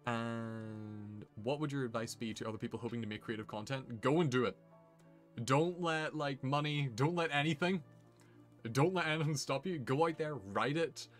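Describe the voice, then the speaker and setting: A man's voice: mid-range voice, moderate pace, faint music behind. Upbeat man hosting a cast Q&A. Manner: upbeat, laughs easily. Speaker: show creator and host. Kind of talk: casual Q&A chat.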